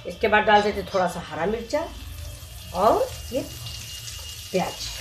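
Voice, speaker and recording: With a sing-song, medium-pitched voice and a measured pace, a woman hosts a cooking demonstration from her tiled home kitchen, explaining each step to viewers. The recording carries echo and noise.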